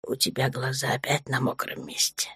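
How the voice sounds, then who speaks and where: A dark alien lord murmurs in a low, hushed voice that is tender and teasing, as a woman reader puts him on. The storybook voice is close and dry, with no room sound. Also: moderate pace, slightly rough, no room sound.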